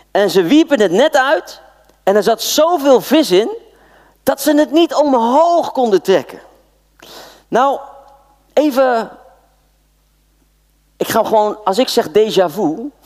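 Man, preacher, from the Netherlands, lively storyteller, acts out dialogue, sermon. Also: high-pitched. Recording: long hall reverb.

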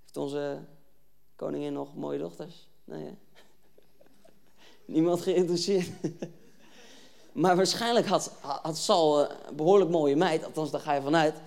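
A preacher speaks at a youth evening and turns a Bible story into a lively, conversational retelling. Read verses give way to casual slang and quick acted-out bits of the scene. The delivery is energetic and keeps pulling listeners into the story. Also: mid-range voice, creaky.

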